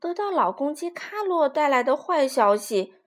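A woman reads a children's story aloud, making it expressive and animated. Her voice sits high and moves a great deal in pitch. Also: normal speed.

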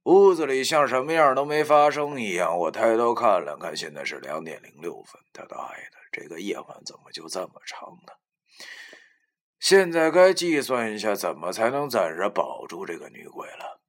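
A man narrating a first-person novel, often sinking into a breathy whisper. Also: fairly low pitch, sing-song, normal speed. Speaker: audiobook narrator.

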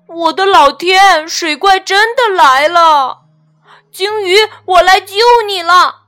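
A woman voicing a timid, easily frightened male doctor in a children's storybook reading, fretful and quick to panic. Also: mid-range voice, expressive, a bit bright, faint music behind, voice pushed down. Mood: panicked.

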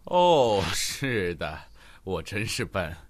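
Fireman Sam, a lively, friendly cartoon fireman. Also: on the low side, slow, dry recording. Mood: good-natured. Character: Fireman Sam, friendly, unhurried, good-natured adult man. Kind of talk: animated children's cartoon dub.

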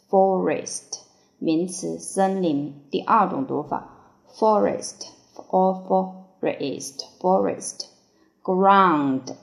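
A woman's voice: on the low side, gravelly. A woman teaching English vocabulary for dictation, spelling each word letter by letter and giving its meaning. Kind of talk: slow word-by-word dictation lesson. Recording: echoey room.

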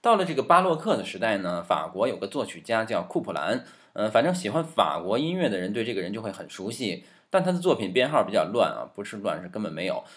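Lively, low-voiced man teaching music history. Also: fast talker, few pauses. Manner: jokey, talks to his piano. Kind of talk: playful music lecture. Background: piano playing.

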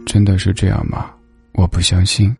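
A man voicing a sad, lonely man in a storybook who speaks in a low, quiet voice. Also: level tone, normal speed, gravelly, husky, soft background music, exaggerated voice. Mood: doubtful.

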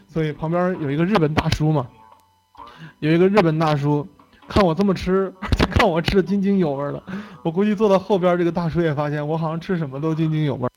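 Talking fast in a voice on the high side, a young man gives a lecture like he's telling a story, chatty and quick to laugh. He keeps tagging lines with "OK" and "right?", and the audio quality is poor.

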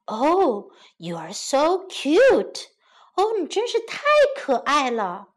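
A woman voicing a kindly older aunt who bakes, speaking softly and musing to herself, in a children's storybook. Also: high voice, huge pitch swings, heavily acted. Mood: gentle. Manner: soft, musing, slow. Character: kindly old aunt baker, gentle.

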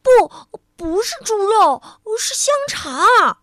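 A woman's voice: sits high, animated, takes it slowly, fairly bright tone, no echo, clean studio sound, pitched above the performer's own voice, heavily acted. A woman voicing a scatterbrained, absent-minded lady who stammers and hesitates. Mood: puzzled insistent.

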